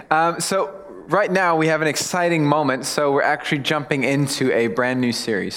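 A man with a New Zealand accent speaking as a pastor, giving an informal, conversational sermon with animated storytelling. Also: medium pitch.

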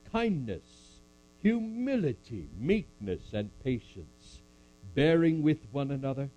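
A man's voice: mid-range voice, mellow, natural voice, low-quality recording. A man voicing a puppet of an older apostle who preaches and then answers audience questions with dry jokes. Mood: solemn. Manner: preachy, dryly joking, speaks to a crowd. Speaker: puppet performer. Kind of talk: church puppet skit with scripture recitation.

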